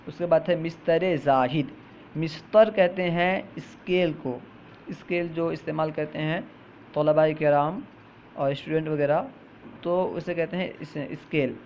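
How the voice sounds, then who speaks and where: A man teaching a grammar lesson, who reads each example slowly, repeats it and then explains it. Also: a little high, steady tone, darkish tone, muffled recording, slight background noise.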